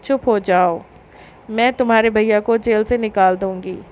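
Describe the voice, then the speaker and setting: A woman's voice: medium pitch, fairly even intonation, normal speed, a little mellow, lightly acted. A woman voicing a hurt young married woman who answers sharply and with irritation. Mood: firm. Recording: dull lo-fi recording.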